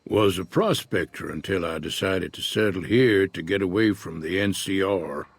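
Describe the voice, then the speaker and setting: An actor voicing a retired old male prospector in a video game, speaking in an unhurried folksy drawl. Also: low-pitched, vocal fry, husky, dry recording, exaggerated voice. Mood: easygoing. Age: older. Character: weathered old male prospector, laid-back and wary. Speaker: retired prospector in a frontier town.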